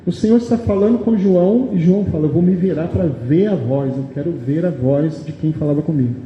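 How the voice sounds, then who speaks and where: A man's voice: fairly high pitch, brisk, muffled recording. Man preaching in an echoey hall. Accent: Brazilian Portuguese. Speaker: church brother preaching. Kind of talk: sermon. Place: church meeting hall. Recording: echoey hall, long reverb, faint background noise.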